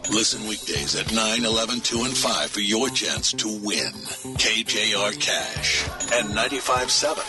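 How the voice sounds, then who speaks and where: A man reading a scripted radio contest promo as a booming prize announcer. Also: expressive, normal speed. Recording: loud music under the voice.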